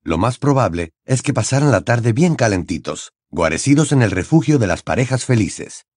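A man reading a fantasy novel aloud as an expressive audiobook narrator. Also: medium pitch, normal speed, no echo, clean studio sound. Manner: expressive storytelling with wide intonation. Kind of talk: scripted narration.

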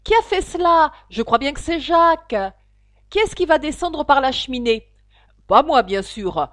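Bunch of little critter servants yelling high and loud , one woman doing them all. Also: moderate pace, dry recording, clean studio sound. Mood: arguing. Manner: excited high calling out. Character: noisy crowd of small animal servants.

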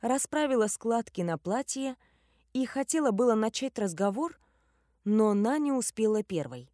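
A woman's voice: on the high side, animated, normal speed, dark tone, no echo, clean studio sound. A woman reading a first-person fantasy audiobook, with a wry, ironic tone. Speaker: narrator.

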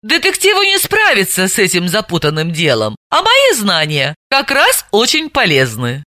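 A woman's voice: mid-range voice, wildly swooping pitch, moderate pace, sharp tone, dry recording, clean studio sound. A woman voicing a composed, courteous female psychoanalyst with a coolly ironic, mocking politeness.

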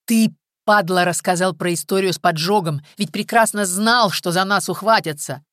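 A woman reading an audiobook, voicing a bitter young man who shouts abuse. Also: medium pitch, normal speed, no echo, studio quality, pitched above the performer's own voice, natural voice. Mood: furious. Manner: snarling, abusive, shouting. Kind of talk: audiobook character voice.

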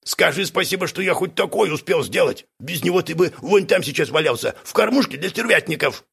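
A gravelly, husky male crook, scheming and boastful, who answers everything with calm smugness, as a man reads him in an audiobook. His voice sits fairly high and swings about lively. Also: fairly quick, heavily acted. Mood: indignant. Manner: smug, unflappable. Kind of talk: audiobook character voice.

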